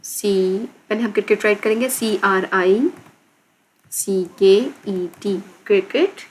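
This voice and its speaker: A woman's voice: mid-range voice, fairly even intonation, takes it slowly, slight background noise. A woman teacher with a Pakistani accent explaining an English lesson in Urdu, repeating words and spelling them out letter by letter.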